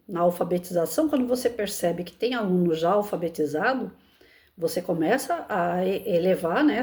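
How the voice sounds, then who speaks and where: A Brazilian woman, a schoolteacher, telling a personal anecdote in an expressive, emphatic way. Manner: expressive, emphatic storytelling with frequent pitch lifts. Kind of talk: personal anecdote told to listeners.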